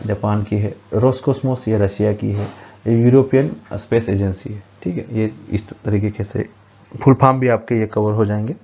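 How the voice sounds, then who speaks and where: A man gives an exam-prep current affairs lesson, talking through quiz questions at a board and often pausing with hesitant fillers. His voice sounds mellow and dark. The recording is dull and lo-fi. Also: lowish voice. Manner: explains at a board, frequent hesitations.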